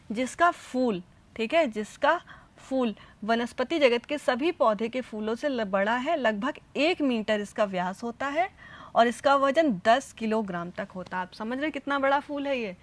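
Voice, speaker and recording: Woman science teacher, higher voice, patient step-by-step classroom explaining. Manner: addresses children directly, repeats and demonstrates step by step. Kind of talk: classroom science lesson with demonstrations.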